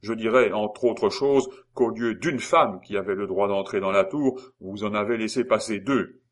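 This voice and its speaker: A man's voice: fairly low pitch, normal speed, pitched above the performer's own voice, lightly acted. A man voicing a cowardly, bullying male cobbler jailer who shrieks and whines his accusations. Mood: spiteful.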